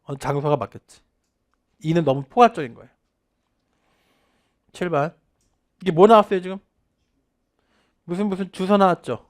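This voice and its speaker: A man in his thirties teaching in an online test-prep lecture, energetic and drilling phrases for repetition while swinging his pitch and loudness for emphasis. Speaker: English teacher.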